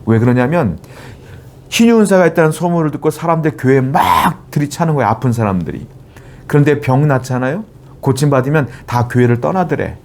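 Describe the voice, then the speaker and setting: A man's voice: on the high side, expressive, fairly quick, creaky, a little mellow. A middle-aged man preaching a sermon as a pastor, earnest and at times emphatic as he exhorts his congregation.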